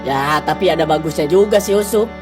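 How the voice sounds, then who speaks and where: A woman's voice: low-pitched, fairly quick, natural voice. A woman voicing an easygoing village shopkeeper man, teasing and gossipy, in a school cartoon. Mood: casual. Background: background music.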